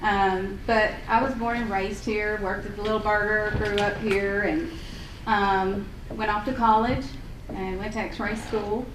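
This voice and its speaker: A woman's voice: medium pitch, a little slow, hardly any pauses. A middle-aged woman, a hospital imaging director speaking off the cuff at a county meeting in a friendly, chatty way full of ums. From Sequatchie Valley, Tennessee. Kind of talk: unprepared public remarks. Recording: echoey hall, distant mic, steady hiss.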